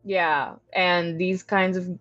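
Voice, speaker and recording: A woman's voice: lowish voice, fairly even intonation, takes it slowly, fairly bright tone, no room sound, lo-fi sound, soft background music. A woman co-hosting a livestream in casual, informal chat. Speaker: livestream co-host.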